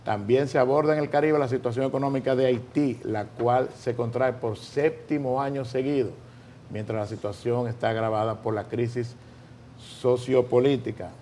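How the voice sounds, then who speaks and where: Dominican guy doing morning news commentary, soft mellow voice, repeats himself a bit, slight noise behind. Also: mid-range voice, fairly even intonation, moderate pace. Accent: Dominican Spanish. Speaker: morning news show co-host. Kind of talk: conversational news presenting and commentary. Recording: light background noise.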